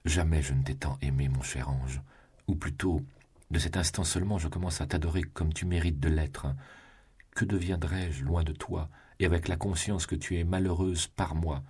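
A guy reading as a devoted young lover, deep husky voice, low and tender, storybook style. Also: fairly even intonation, normal speed, darkish tone, full character voice. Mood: tender earnest.

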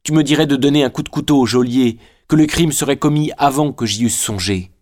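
A man's voice: medium pitch, a little fast, a little mellow, pitched above the performer's own voice, lightly acted. A man voicing a tearful, devoted noblewoman torn between faith and love in an audiobook, pleading with emotion. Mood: impassioned.

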